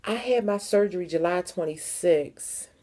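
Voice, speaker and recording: A woman's voice: fairly low pitch, moderate pace, mellow. A young adult woman from the Philadelphia area, talking frankly and emphatically in a personal vlog, repeating words for stress. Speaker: vlogger.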